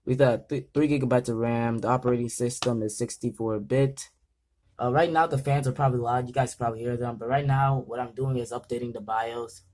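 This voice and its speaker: A man's voice: medium pitch, fairly even intonation, fairly quick, a little mellow. A young man hosting a casual gaming vlog, nervous and rambling, often stumbling over his words. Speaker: gaming channel host.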